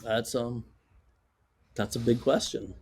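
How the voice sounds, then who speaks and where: A man's voice: medium pitch, steady tone, slow pace, breathy edge. A man from the San Francisco Bay Area, a creative director guest in a casual interview, with a dry sense of humor. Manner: dry humor, many fillers and restarts.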